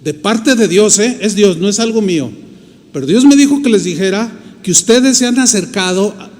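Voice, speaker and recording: A man's voice: high-pitched, expressive, moderate pace, darkish tone. A man with a Mexican Spanish accent, a pastor telling a story in a sermon and acting out the voices of the people in it. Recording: long hall reverb.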